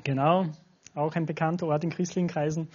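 A pastor in his forties from Styria, Austria, visits a church as a guest and speaks to the congregation informally and directly. His voice is fairly high with a darkish, level tone and a fairly quick pace, captured in dull, lo-fi sound.

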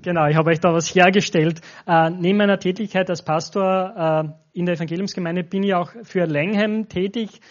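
A man in his forties from Styria, Austria, speaks as a guest pastor, addressing a church congregation directly and informally. His voice is high-pitched with a steady tone, and he talks a little fast with few pauses. The recording sounds dull and lo-fi.

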